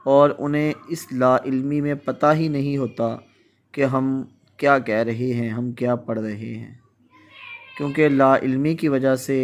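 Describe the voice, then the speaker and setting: A man from Pakistan teaching Quran recitation, explaining slowly and contrasting how words are pronounced. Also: medium pitch. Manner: slow, explanatory, contrasts word pronunciations. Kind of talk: Urdu tajweed lesson.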